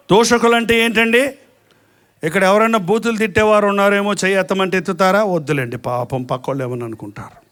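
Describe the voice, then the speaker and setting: A middle-aged man preaches a sermon in a strikingly high voice. He moves between plain teaching and acted-out quarrels, changing his voice for each part. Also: smooth. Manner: lively preaching that acts out quarrels in different voices. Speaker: pastor.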